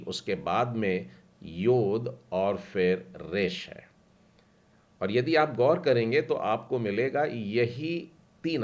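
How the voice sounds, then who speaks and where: A man teaching a language class, patiently spelling out letters and syllables one by one before saying each whole word. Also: sits low.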